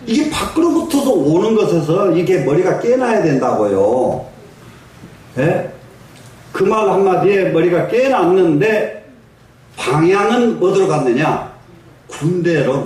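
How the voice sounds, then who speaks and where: A man's voice: fairly high pitch, a little mellow. An older man, a Buddhist monk, giving a folksy sermon and telling stories, often asking his listeners for a reply. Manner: folksy storytelling, asks the audience for replies and chuckles. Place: large echoing meditation hall. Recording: distant mic in a very echoey hall.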